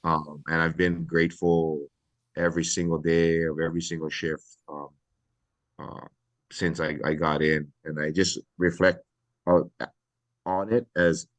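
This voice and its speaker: In a podcast interview, a middle-aged man from Hawaii who retired as a fire battalion chief talks earnestly and reflectively, pausing often. His voice is low, and the recording is dry.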